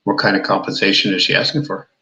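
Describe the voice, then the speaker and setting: Bright-voiced canadian man, halting, in a roomy room. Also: deep voice. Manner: hesitant, halting, many fillers. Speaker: co-host. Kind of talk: casual live video chat. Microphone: video call. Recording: roomy video call audio.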